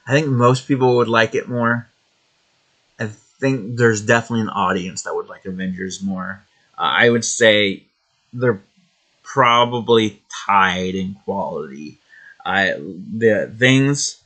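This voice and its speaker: A man's voice: on the low side, a bit bright. A man hosting a video game show, giving casual opinion commentary in a hesitant, rambling, matter-of-fact way.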